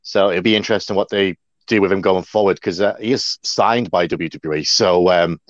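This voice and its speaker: A man's voice: deep voice, fairly even intonation, normal speed, dry recording. Man co-hosting, dull dry lo-fi sound. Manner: chatty, rambling, many fillers. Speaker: co-host. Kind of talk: casual livestream chat.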